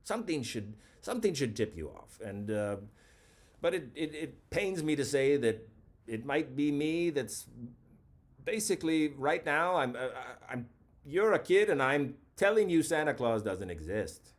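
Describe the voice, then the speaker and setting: A man's voice: on the high side, sing-song, a little slow. A man hosting a comedic call-in show, talking in a mock-grandiose, rambling way that circles back on itself. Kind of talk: comedic late-night call-in talk.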